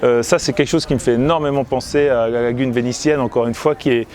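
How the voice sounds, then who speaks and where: A man, a comic book artist, chats casually while strolling outdoors, pausing often with fillers and restarts. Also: medium pitch, steady tone, a little mellow. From Italy and Grenoble, France. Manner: hesitant, many fillers and restarts. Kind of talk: casual walking chat to camera. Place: outdoors, seaside town streets and ramparts.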